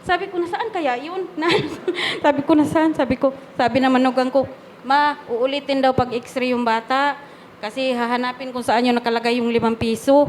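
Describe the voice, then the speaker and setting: An older woman, a grandmother, telling a church testimony in an emotional, animated way. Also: high voice, moderate pace, a little hiss or hum. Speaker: church member giving testimony. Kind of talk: spontaneous spoken testimony.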